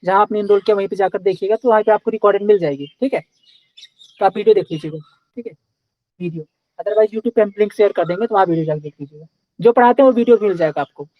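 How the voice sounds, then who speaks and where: A man's voice: high voice, quick pace, no echo, dull audio. A young man teaching a live online class in a casual, chatty way, often checking in with his students.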